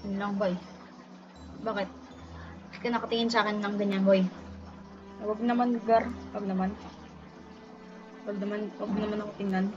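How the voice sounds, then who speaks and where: A woman's voice: medium pitch, little pitch movement, moderate pace, long pauses. A woman casually commenting on her game, playfully teasing and calling out to her fellow players. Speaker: gameplay video host. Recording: dull lo-fi sound with music behind. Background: background music.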